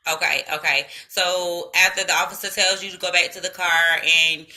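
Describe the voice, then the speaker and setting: A woman's voice: lowish voice, steady tone, normal speed, pushed and bright. A woman hosting an interview, asking casual, direct questions and saying "y'all.". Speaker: interview host.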